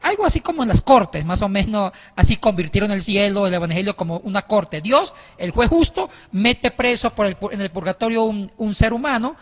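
Speaking into a handheld microphone in a very echoey, wood-panelled studio or meeting room, a middle-aged panel guest teaches religious ideas didactically. His high voice is animated at a moderate pace with hardly any pauses, and he keeps repeating and rephrasing himself mid-sentence.

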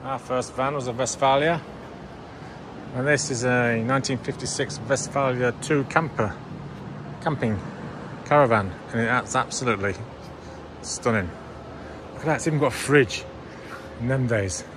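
A man's voice: mid-range voice, normal speed. A man giving casual, enthusiastic commentary as he walks through a large indoor museum hall, filmed with a handheld camera mic. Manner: enthusiastic, exclamatory remarks while walking. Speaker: vlogger. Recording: noisy handheld museum recording.

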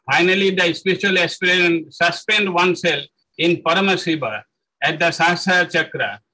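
A man giving a spoken lecture on spiritual practice, halting often with fillers and self-corrections. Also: high-pitched, sharp tone, low-quality recording.

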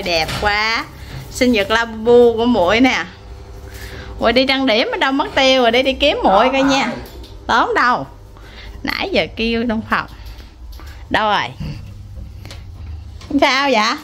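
A woman with a slightly high, somewhat bright voice chats casually as she films her family. She's a mother teasing and coaxing her child in a relaxed family vlog.

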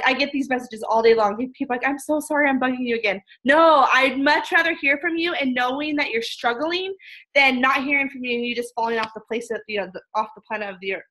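A woman's voice: high voice, pushed and bright, poor audio. Congested, chatty fitness coach woman. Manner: chatty, reassuring, rambling with fillers. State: congested from a cold. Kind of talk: casual talk to a group.

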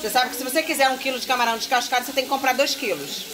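Speaking very fast in a high voice, a woman in her forties from Brazil chats with viewers while cooking in her home kitchen, and there's background noise. The casual vlog is filmed on a close-held phone, with food sizzling and music playing.

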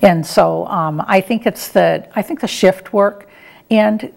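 Her voice is mid-range, creaky and a little mellow, and she speaks slowly. A middle-aged woman who once worked in air traffic control and as a professor, now retired, she gives conversational, plain-spoken and somewhat hesitant answers as an interview guest.

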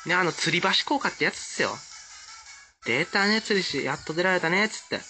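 A man gives hyper, gushing let's-play commentary. His bright voice swings widely in pitch, with soft game music behind him. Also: lively intonation, brisk.

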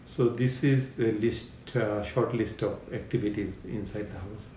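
A man in his fifties from Bangladesh, a care home owner, answering interview questions in a halting way with many fillers, seated on a sofa in a living room. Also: on the low side, a little mellow, echoey room, a little hiss or hum.

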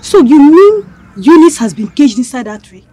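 A woman's voice: sits high, very animated, warm tone, faint music behind, full character voice. An actress playing a defensive young female student. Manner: defensive, rushed.

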